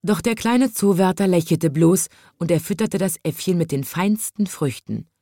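Low-voiced woman reading a storybook. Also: animated, normal speed, mellow, dry recording, clean studio sound. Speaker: narrator. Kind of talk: scripted storybook narration.

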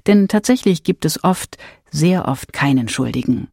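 A man reading a parenting text in a calm way, speaking straight to the listeners. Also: a little high, measured pace, creaky, slightly rough, dry recording, clean studio sound. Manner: calm, addresses listeners directly. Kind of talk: scripted reading.

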